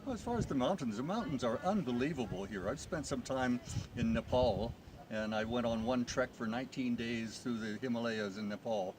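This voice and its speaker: This middle-aged American man, speaking at normal speed with a medium-pitched voice, is a tourist guest enthusiastically recounting his trip. The outdoor interview was recorded in the mountains amid noisy ambient sound.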